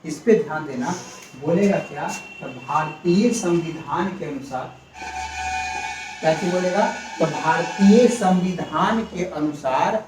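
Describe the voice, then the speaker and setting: A man teaching a class, quizzing his students, repeating key words and calling for quiet. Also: a little high, slow pace. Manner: calls for quiet. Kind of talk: classroom lecture. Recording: echoey classroom, distant mic, faint noise.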